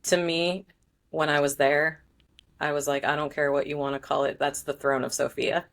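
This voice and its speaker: A woman's voice: low voice, level tone, moderate pace, vocal fry. A woman guest on a podcast, an author, chatting casually with frequent laughs and fillers.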